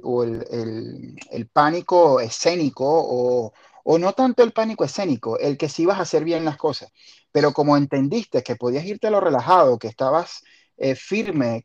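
A man's voice: a little high, darkish tone, lo-fi sound. A man from Venezuela hosting a casual interview, talking at length and often restarting his words. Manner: talkative, repeats and restarts words. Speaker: podcast host.

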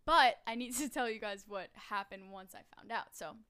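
Bright, clear young woman chatting. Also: medium pitch, moderate pace. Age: young adult. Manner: chatty, laughs often. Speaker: podcast host. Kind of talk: casual podcast chat.

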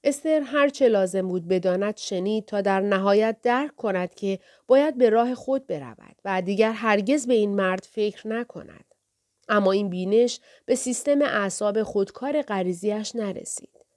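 A woman reads a literary novel aloud in a calm, measured voice of middling pitch. She keeps it soft and sometimes drops nearly to a whisper. The delivery is steady audiobook narration. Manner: soft, measured, often dropping near a whisper.

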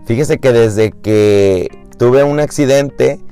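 A man's voice: takes it slowly, dark tone, clear, resonant tone, soft background music. A man voicing a young, eager male doctor who keeps getting fooled, whiny and pleading. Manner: whiny, pleading, higher pitched.

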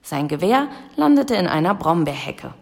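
Gravelly, low-voiced woman storyteller. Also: moderate pace. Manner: lively storytelling. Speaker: narrator. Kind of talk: children's audiobook narration.

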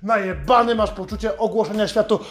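Man, high-pitched, podcast host, satirical monologue, sarcastic, profane, faint music behind. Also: brisk. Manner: sarcastic, heavily profane ranting.

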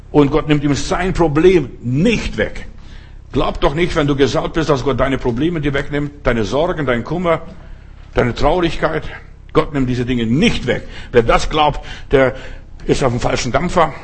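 Husky man preaching with fervor. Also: on the high side. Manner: emphatic, repetitive preaching with acted-out quotes and self-corrections. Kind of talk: sermon.

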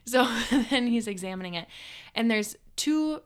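A woman's voice: on the high side, a little slow, smooth. A young woman from Minnesota co-hosting a podcast, telling a story in casual chat. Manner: chatty storytelling, lively retelling with quoted voices. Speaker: podcast co-host.

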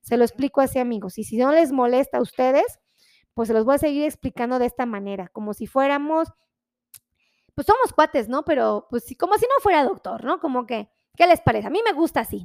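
A woman's voice: high voice, a little mellow, dry recording, clean studio sound. A woman doctor, explaining health topics to viewers in a chatty, friendly way with many fillers.

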